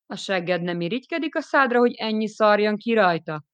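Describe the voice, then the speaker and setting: A woman's voice: mid-range voice, expressive, a bit bright, smooth, no echo, voice pushed up, natural voice. A woman playing a sneering foul-mouthed young woman. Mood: mocking. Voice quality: sneering, brash. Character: crude mocking young woman prisoner.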